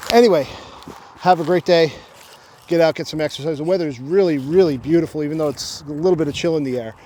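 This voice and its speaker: A man talking casually while riding his bicycle outdoors on a road, relaxed and chatty with lots of fillers, a little out of breath. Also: a little high, quick pace. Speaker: cycling vlogger. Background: passing traffic.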